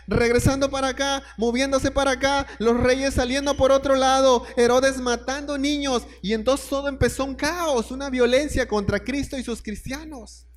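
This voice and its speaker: A man's voice: extremely high pitch, big-room sound. A man preaching a sermon, telling the story and putting questions straight to his listeners.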